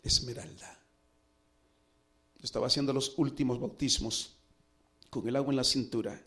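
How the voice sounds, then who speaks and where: A middle-aged pastor preaching, telling a personal story earnestly with dramatic pauses. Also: male voice, medium pitch, a bit bright. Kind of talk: sermon storytelling.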